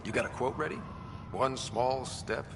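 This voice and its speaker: An actor playing an easygoing young explorer in a video game, casual and dry-witted. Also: male voice, medium pitch, normal speed, gravelly, background noise, natural voice. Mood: wry, subdued. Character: young male explorer, commander's son, easygoing, wry. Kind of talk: cinematic video game acting.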